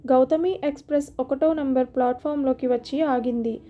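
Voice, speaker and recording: A woman narrating a story in a steady, expressive storybook manner. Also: high voice, fairly quick, lo-fi sound.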